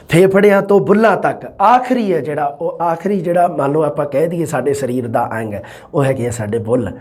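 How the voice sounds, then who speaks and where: A man's voice: on the high side, darkish tone. A male teacher with a Punjabi accent giving an exam-prep lecture, asking rhetorical questions and acting out his students' answers.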